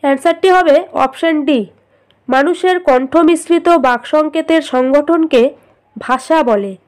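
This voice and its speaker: A woman with a high voice and a Bengali accent works through exam practice questions. She reads each question and its options in an even, methodical way, then gives the answer. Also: measured pace. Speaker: exam prep teacher. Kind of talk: reading quiz questions and answers.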